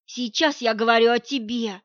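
A woman's voice: on the high side, measured pace, fairly bright tone, no room sound. A woman reading an audiobook, voicing a man who scornfully and coldly rejects his partner in a harsh, cutting way. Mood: cold contempt. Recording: dull lo-fi recording.

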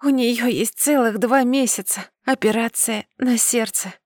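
A woman voicing a hoarse, wounded mother who desperately pleads for her daughter to be saved. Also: a little high, measured pace, dry recording, clean studio sound, voice pushed up. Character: wounded young mother begging to save daughter.

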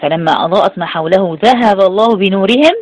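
A woman with an Egyptian Arabic accent giving a lively religious lecture as a Quran exegesis teacher. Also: mid-range voice, fast, low-quality recording. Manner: animated, acts out quoted speakers.

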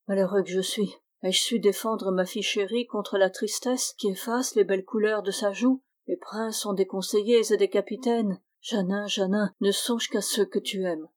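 A woman's voice: mid-range voice, a little mellow, natural voice. A woman voicing a loyal middle-aged male squire who speaks earnestly and with worry. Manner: earnest, troubled.

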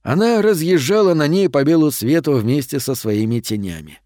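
A man narrating a fairy tale audiobook in a calm, measured storytelling manner. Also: fairly high pitch, no echo, clean studio sound.

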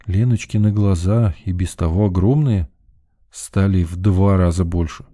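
A male audiobook narrator with a low, very dark and mellow voice. He reads first-person prose in an even, measured way. The recording is dry and close, with no room sound. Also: no echo.

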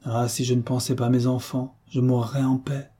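A man voicing a gravely ill, grieving noble mother in an audiobook, weak and pleading. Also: mid-range voice, flat delivery, moderate pace, dark tone, natural voice. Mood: weary.

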